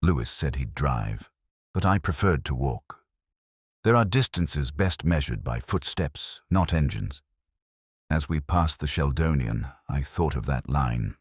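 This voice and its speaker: A scripted detective story is read by a man whose voice is extremely low and slightly rough, his brooding, measured, literary delivery still expressive, with wide-ranging intonation. The recording is dry and close, with very little room on it.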